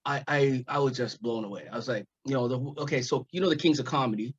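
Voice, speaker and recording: A man's voice: medium pitch, quick pace, breathy edge. A man in his fifties from Jamaica, raised in Montreal, telling stories as a comedy guest in a casual interview, laughing often and restarting his sentences. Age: 50s. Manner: laughing, rambling storyteller with restarts. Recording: dull lo-fi sound.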